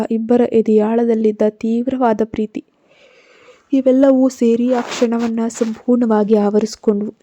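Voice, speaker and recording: Woman, storyteller, scripted narration, calm, measured, flat intonation, dry, slightly muffled recording. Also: on the high side, dry recording.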